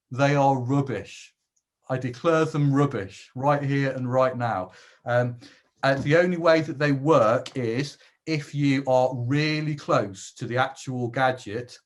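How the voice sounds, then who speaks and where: A man giving an informal webinar talk on video gear, chatty with dry jokey asides, over a video call. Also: mid-range voice. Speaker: webinar presenter.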